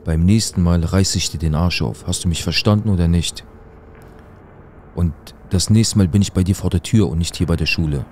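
A man's voice: low voice, moderate pace, a little mellow, slight background noise, natural voice. A man voicing a menacing skinhead thug. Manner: threatening, coarse street talk. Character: menacing hulking young skinhead man, threatening.

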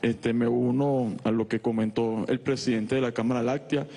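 Halting middle-aged Venezuelan man reporting. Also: mid-range voice, fairly even intonation, gravelly, dark tone. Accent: Venezuelan Spanish. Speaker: business chamber representative. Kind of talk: formal spoken report at a meeting. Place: televised conference hall. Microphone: handheld microphone.

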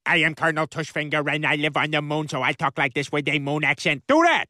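A blustering cartoon dad who rambles through lists with "uh" and "um", then snaps into yelling. His voice is bright and a little high, and the recording is dry and close. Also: expressive, normal speed, dry recording. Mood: exasperated. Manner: rambling, hesitant with many fillers, bursts into shouting.

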